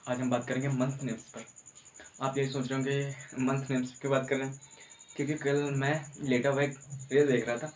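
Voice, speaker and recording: A man's voice: mid-range voice, little pitch movement, brisk. A man runs a casual home-made lesson, spelling words out letter by letter and going over each point again. He sits at some distance from the mic in an echoey room, with a faint hiss underneath. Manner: chatty, spells words out letter by letter, repeats himself. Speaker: online tutor.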